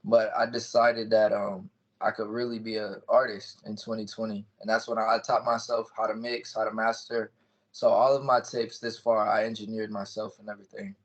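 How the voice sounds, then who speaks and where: Over dull, lo-fi call audio, a man in his twenties being interviewed as a music artist talks at a moderate pace with a fairly low voice and flat delivery. His casual chat explains things in plain words.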